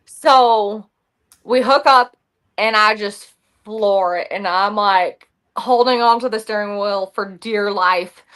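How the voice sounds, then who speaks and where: A young adult woman telling stories casually, lively and saying "like" often. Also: medium pitch, slow pace, smooth. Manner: animated, says "like" often, acts out quotes. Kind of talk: casual storytelling.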